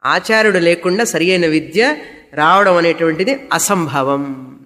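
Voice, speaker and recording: A woman's voice: on the low side, normal speed, fairly bright tone, in a large hall. A woman spiritual teacher giving a scripture lecture, explaining Sanskrit verses word by word and asking rhetorical questions that she answers herself.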